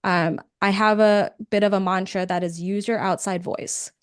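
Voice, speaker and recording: A woman presenting a live webinar on podcasting, speaking in a conversational, energetic way with frequent fillers. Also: medium pitch, moderate pace, clear, resonant tone, dry recording, studio quality.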